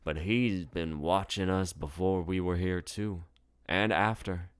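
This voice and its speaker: A man with a deep, smooth voice puts on the drawl of a folksy old Western saloon bartender who boasts through his stories. He speaks a little slowly with fairly even intonation, in a theatrical manner that feels folksy and mysterious.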